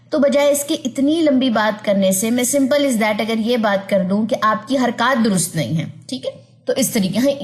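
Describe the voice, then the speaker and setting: A woman teaching an online tajweed lesson in a patient voice. She repeats her points, often checks that students follow, and draws out letter sounds slowly. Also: mid-range voice. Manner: slow, careful drawn-out pronunciation of letter sounds.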